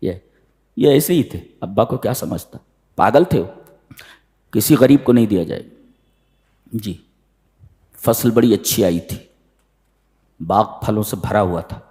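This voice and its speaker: A man preaching a sermon, reciting Arabic verses and explaining them with dramatic swings in pitch. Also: measured pace, pauses often, dark tone. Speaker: preacher giving Quran commentary. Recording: long hall reverb.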